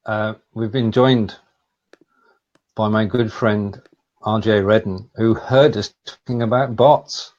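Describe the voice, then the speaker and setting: A man with a Lancashire accent hosting a live online show, explaining things in a casual, halting, chatty way over a video call. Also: fairly low pitch, steady tone, a little mellow. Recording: slightly dull, lo-fi sound.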